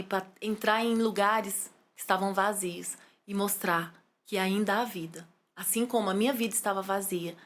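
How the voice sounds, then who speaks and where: Fervent Brazilian woman giving testimony. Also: mid-range voice. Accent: Brazilian Portuguese. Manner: fervent, animated storytelling. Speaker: guest, psychologist and pastor. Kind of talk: testimony interview.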